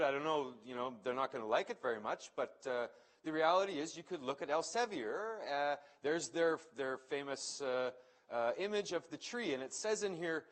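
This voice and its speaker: A man speaking at a conference event, presenting in a conversational way that thinks aloud and often restarts phrases. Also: medium pitch. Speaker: conference speaker introducing a panel. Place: event venue.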